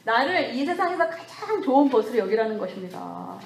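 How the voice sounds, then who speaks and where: Woman church lecturer, fairly high voice, animated, acts out little bits of self-talk; echoey hall sound. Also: a little fast, gravelly, slight background noise. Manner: lively, acts out scolding and comforting self-talk.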